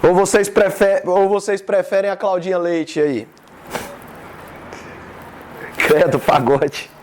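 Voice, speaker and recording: A man with a Goiás accent talks loosely and directly to his live audience, his voice sitting fairly high for a man. He sounds like an easygoing business speaker in his thirties, chatting more than lecturing. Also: fairly even intonation, unhurried, a little hiss or hum. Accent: Goiás Brazilian Portuguese. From Goiás, Brazil. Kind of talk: informal live talk to an audience.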